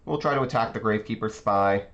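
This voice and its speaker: Speaking fast in a fairly low, fairly bright voice with a slight congestion, this card game channel host offers casual commentary on his own matches. He thinks aloud and walks through his plays. The audio is slightly dull, and faint music runs behind him.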